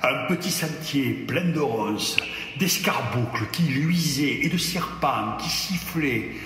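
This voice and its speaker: Male storyteller, theatrical first-person reading; slow pace, big echoing room. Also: mid-range voice. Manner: expressive, theatrical. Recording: echoey hall.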